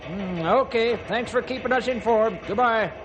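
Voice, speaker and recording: High-voiced commanding railroad boss, radio drama. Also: male voice, over music, rough recording. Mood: businesslike. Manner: brisk orders, commanding. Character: decisive, gruffly joking veteran railroad dispatcher boss. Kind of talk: old-time radio drama acting.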